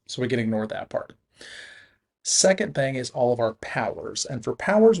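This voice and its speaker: A man teaching a recorded math lesson, talking through the steps in a relaxed way and chuckling at his own slips. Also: mid-range voice, husky.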